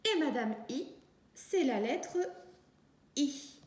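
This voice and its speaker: Slow, lively woman teaching young children. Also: high-pitched. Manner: slow, clear teacher talk, stretching out syllables. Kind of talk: early reading lesson for young children. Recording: echoey room.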